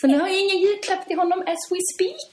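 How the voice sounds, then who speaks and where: A woman hosting a podcast, telling stories in casual chat and laughing often. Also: extremely high pitch. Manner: lively storyteller, laughs often. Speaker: podcast host. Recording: echoey room.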